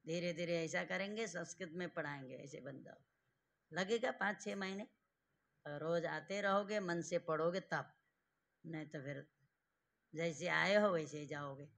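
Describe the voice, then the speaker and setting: A man teaching a grammar class to students in a classroom, slowly drilling them with repeated questions and giving stern, fatherly advice. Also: on the high side, gravelly, fairly bright tone. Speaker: Sanskrit teacher.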